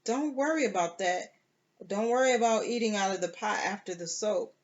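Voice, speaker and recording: A reader doing a rough, cynical pirate captain. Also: medium pitch, normal speed, muffled recording, pitched above the performer's own voice, lightly acted. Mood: gruff.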